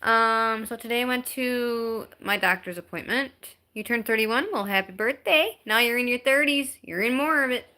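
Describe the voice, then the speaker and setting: Reading comments aloud from home, a woman in her thirties talks casually to her phone live-stream audience. Her voice is bright, clear and on the high side, and her delivery is halting and easygoing, peppered with ums and restarts.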